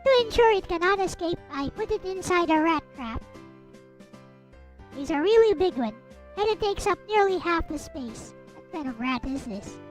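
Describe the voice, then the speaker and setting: Reading a visual novel aloud on stream, a woman host with a high, girlish voice mixes in playful, casual commentary, her intonation lively and her pace moderate, with music behind her.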